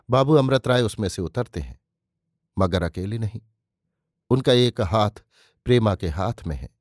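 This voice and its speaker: A man reading a literary story aloud in measured, scripted narration. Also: medium pitch, a little mellow, dry recording, clean studio sound.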